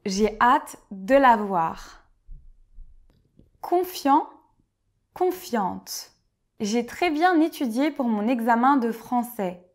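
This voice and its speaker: A woman teaching French vocabulary slowly and clearly, reading each word and then a short example sentence. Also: on the high side, lively intonation.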